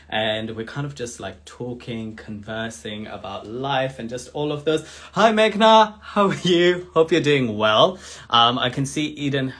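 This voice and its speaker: A man's voice: mid-range voice, a bit bright. Effusive man hosting a live chat. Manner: chatty, effusive, lots of repeated welcomes. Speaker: host. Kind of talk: casual live-stream interview.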